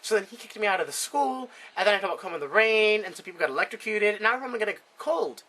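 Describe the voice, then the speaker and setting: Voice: medium pitch, expressive, racing, pushed and bright, pitched above the performer's own voice, low-quality recording. A storyteller voicing a nervous young schoolboy who explains everything in one long run-on breath. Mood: anxious.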